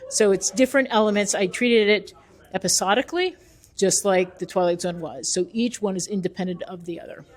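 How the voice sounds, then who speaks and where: A middle-aged woman who is an author and researcher answers interview questions conversationally, sounding emphatic, opinionated, and explanatory. Her mid-range voice moves fairly quickly.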